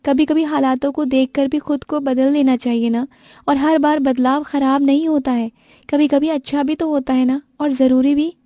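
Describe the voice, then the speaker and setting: A woman's voice: sits high, steady tone, normal speed, dark tone, dry recording, studio quality, natural voice. A woman voicing a complaining young sister-in-law who nags and pleads with her mother and brother's wife.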